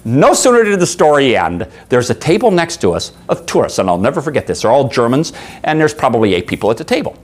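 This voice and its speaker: A man training a room of workers, telling anecdotes with lively acted voices and quizzing the audience. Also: medium pitch, fast. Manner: animated storyteller, acts out voices, asks the audience. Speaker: sales trainer. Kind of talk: seminar talk with acted anecdotes.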